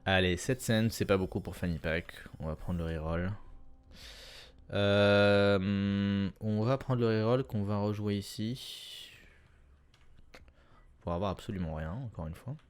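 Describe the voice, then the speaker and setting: A young man casually commenting on his own video game run, chatty and self-correcting with sudden excited bursts. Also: lowish voice, a little slow, pauses often, smooth. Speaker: gameplay commentator. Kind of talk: casual let's-play commentary.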